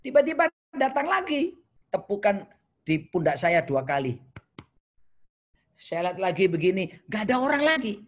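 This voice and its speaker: Man, preacher, high voice, playful animated sermon, asks the audience questions, video call. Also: moderate pace, long pauses.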